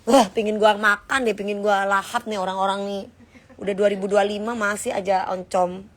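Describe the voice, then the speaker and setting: A woman's voice: mid-range voice, little pitch movement, normal speed. Chatty woman hosting a live stream. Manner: chatty and teasing, scolding viewers; sings short snippets mid-talk. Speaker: livestream host. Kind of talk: casual live-stream chat.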